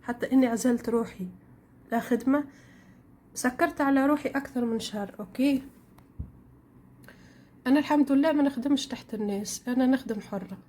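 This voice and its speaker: A woman's voice: sits high, warm tone. A woman with a Tunisian accent chatting casually to her viewers while she cooks in her home kitchen, telling stories in a rambling way. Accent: Tunisian Arabic. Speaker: home cooking vlogger. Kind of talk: casual chat while cooking.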